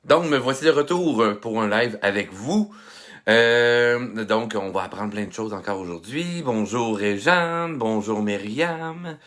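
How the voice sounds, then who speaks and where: A man's voice: on the low side, expressive, measured pace, fairly bright tone. Stuffy-voiced Québécois man teaching live. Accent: Québécois French. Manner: chatty, greets viewers by name, many fillers. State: stuffy from a head cold. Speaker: art instructor hosting a live stream. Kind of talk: casual live tutorial. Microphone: phone.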